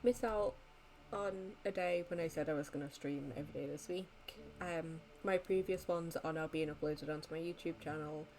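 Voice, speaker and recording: A woman's voice: low-pitched, moderate pace, hardly any pauses, a little mellow, a little hiss or hum, poor audio. A tired young woman wrapping up a live stream, rambling casually with many ums and likes. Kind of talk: casual end-of-stream chat.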